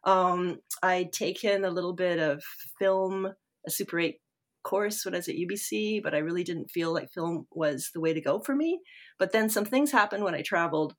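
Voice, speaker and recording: A woman's voice: fairly low pitch, normal speed. A woman guest in a casual interview, rambling and self-deprecating with many fillers and restarts. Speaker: guest filmmaker.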